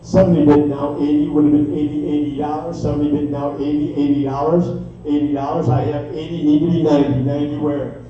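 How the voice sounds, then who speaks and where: A man's voice: a little high, level tone, slight background noise. Echoey man auctioneer chanting bids. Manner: rapid repetitive bid chant with filler phrases. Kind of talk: live auction bid-calling chant. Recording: echoey distant dull room sound, faint music.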